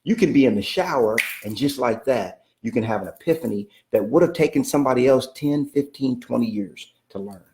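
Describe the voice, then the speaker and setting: A man's voice: mid-range voice, animated, a little fast, hardly any pauses, a little mellow. Emphatic man coaching in an echoey room. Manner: emphatic and repetitive, stacks up "okay?" checks; preacherly, speaks of God and the Holy Spirit. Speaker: real estate coach. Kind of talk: motivational teaching talk.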